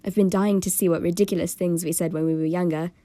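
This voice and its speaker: A woman's voice: on the low side, steady tone, fast, warm tone, dry recording, lightly acted. Eager teenage girl, as a woman reads her.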